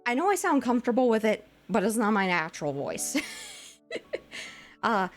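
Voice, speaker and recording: At a moderate pace and in a sing-song manner, a twenties-aged woman chats with her stream viewers as a VTuber, soft music behind her. She puts on a lighter feminine voice over her low one, rambling with fillers and giggles.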